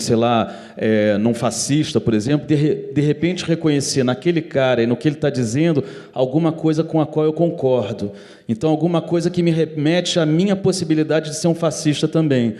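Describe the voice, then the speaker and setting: A man's voice: medium pitch, a little mellow. A man, a writer on a panel, thinking aloud with many hesitations and restarts. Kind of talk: reflective panel talk. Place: auditorium at a literary event. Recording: long hall reverb.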